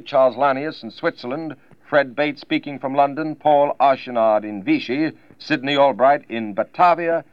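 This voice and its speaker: A male news announcer reading bulletins in a formal, measured 1940s newscast style, with the sound of an old radio broadcast. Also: medium pitch, no room sound. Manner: crisp, measured announcer delivery. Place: network newsroom studio. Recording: dull, dry old radio broadcast recording.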